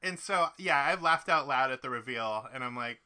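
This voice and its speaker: A man's voice: medium pitch, normal speed, pushed and bright, clear, resonant tone. A man co-hosting a casual podcast, recounting scenes in a rambling way full of "like" and restarts. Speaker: podcast co-host. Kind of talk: casual chat.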